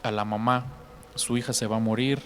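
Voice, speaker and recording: A man's voice: fairly low pitch, steady tone, a little fast, fairly bright tone, a little hiss or hum. Earnest man retelling faith testimonies. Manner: earnest storytelling, acting out quoted dialogue. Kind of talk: religious podcast conversation, telling testimonies.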